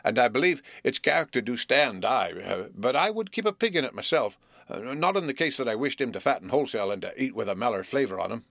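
A man reading aloud and voicing a humble, awkward country blacksmith who talks in a rustic dialect, earnest and halting. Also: medium pitch, expressive, gravelly, fairly bright tone, no room sound. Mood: flustered.

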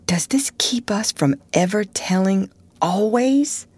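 A woman's voice: medium pitch, expressive, unhurried, voice pushed up. Woman playing a plaintive, timid ragamuffin boy. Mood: anxious. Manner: plaintive, anxious, gasping. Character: timid, gullible, woeful ragamuffin country boy.

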